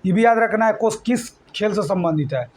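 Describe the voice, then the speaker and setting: A man's voice: sits high, brisk, darkish tone, a little hiss or hum. A male teacher leading a classroom exam-prep lesson, quizzing students with call-and-response questions and repeating mnemonics. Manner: repetitive mnemonic chanting.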